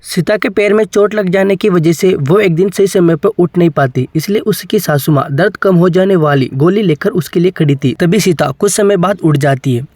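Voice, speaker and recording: A man narrating a cartoon moral story in a plain, even manner. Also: high-pitched, normal speed, few pauses, no echo.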